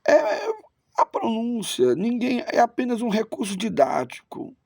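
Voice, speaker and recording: A man's voice: extremely high pitch, very animated, unhurried, creaky, no echo, studio quality. A man giving a Biblical Greek lesson, opinionated and sarcastic, repeating words for emphasis. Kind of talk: recorded online lesson.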